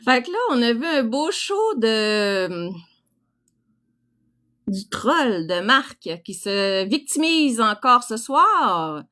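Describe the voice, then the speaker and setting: A woman with a fairly high voice and a Québécois French accent. She talks slowly, in a casual livestream style. Her manner is frank, teasing and crude, full of colloquial turns. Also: very animated, bright, forceful tone. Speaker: livestream host. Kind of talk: casual live chat reacting to viewers.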